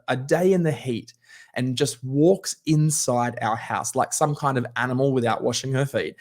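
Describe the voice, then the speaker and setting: An Australian man from Queensland giving a conversational keynote talk over a video call, telling personal anecdotes in an easy, anecdotal way. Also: medium pitch. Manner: conversational, anecdotal, with light laughs. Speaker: keynote speaker. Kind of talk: storytelling talk.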